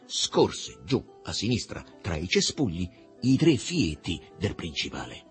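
A man narrating a novel aloud with an expressive, varied delivery. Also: deep voice, unhurried, soft background music. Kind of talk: literary audiobook reading.

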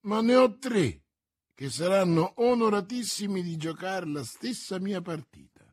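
A man reading aloud and voicing a haughty English lord in a stiff, formal manner with a husky voice. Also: sits high, lively intonation, unhurried, no echo, studio quality, pitched above the performer's own voice. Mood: proud.

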